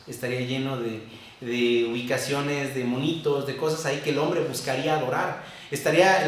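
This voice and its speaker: A man preaching an expository sermon, teaching carefully and repeating key words slowly. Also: on the high side. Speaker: pastor. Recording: very echoey church room, distant mic.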